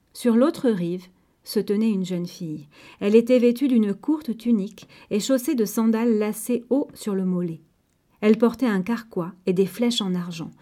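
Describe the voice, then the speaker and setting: A woman narrating a children's storybook in an expressive, measured way. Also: medium pitch.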